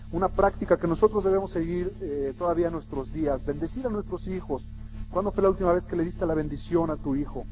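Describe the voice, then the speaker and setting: High-voiced man preaching a sermon. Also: dark tone, low-quality recording. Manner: emphatic preaching with rhetorical questions to the congregation. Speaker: pastor. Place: church hall.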